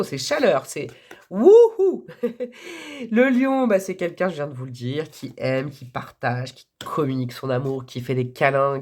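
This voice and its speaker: A hoarse woman giving a casual, enthusiastic tarot reading to her viewers, chatty and quick to laugh. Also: deep voice. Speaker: tarot reader.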